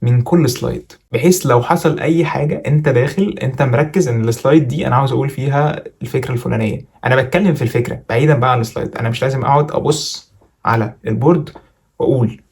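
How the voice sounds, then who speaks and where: Rapid-fire Egyptian man coaching. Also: medium pitch, creaky, darkish tone. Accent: Egyptian Arabic. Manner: rapid, chatty, jokey coaching. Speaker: content creator giving presentation tips. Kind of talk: casual tutorial vlog.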